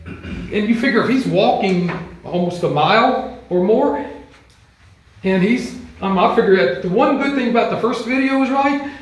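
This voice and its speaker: A man teaching a Bible class in a casual, chatty way, with frequent ums and quick acted-out quotes. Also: sits high. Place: church classroom. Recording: echoey room.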